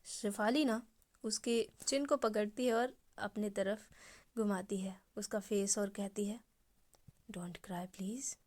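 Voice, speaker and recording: A young woman telling a romance story in a casual, chatty way, speaking the characters' lines softly. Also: medium pitch, steady tone, a little slow. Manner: chatty, addresses listeners as bhai, acts out dialogue softly.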